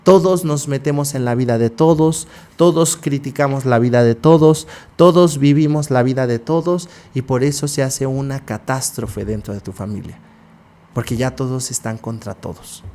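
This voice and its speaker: A man's voice: mid-range voice, moderate pace, dark tone. A man, hosting a psychology podcast and talking passionately, asking rhetorical questions and answering them himself.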